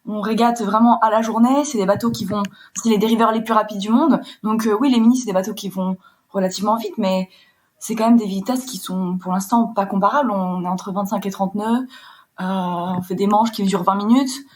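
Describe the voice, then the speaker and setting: A young woman in her twenties, originally from Poland, talks through her path in a relaxed interview. Her delivery is fluent and explanatory, with a middle-pitched voice and steady flow. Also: brisk. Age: 20s. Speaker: sailor guest. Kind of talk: casual interview chat.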